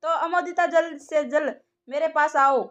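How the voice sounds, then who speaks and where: A woman's voice: high voice, normal speed, fairly bright tone, lo-fi sound. A woman voicing an anxious young man calling urgently in an audio story. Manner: urgent, nervous.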